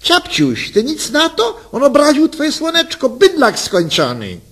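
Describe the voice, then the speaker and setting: A man putting on a shrill cooing wife. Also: wildly swooping pitch, slow, husky, heavily acted. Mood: indignant. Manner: squealing, cooing, high falsetto. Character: giddy coquettish middle-aged wife, shrill and bossy.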